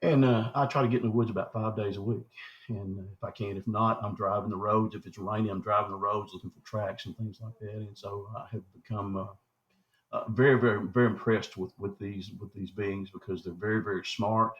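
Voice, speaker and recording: A man's voice: lowish voice, fairly even intonation, fairly quick. A man, telling long folksy stories in an interview. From southwestern Arkansas. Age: 60s. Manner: folksy, acts out quoted dialogue. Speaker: guest, Bigfoot researcher. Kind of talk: rambling storytelling interview. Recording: dull lo-fi recording.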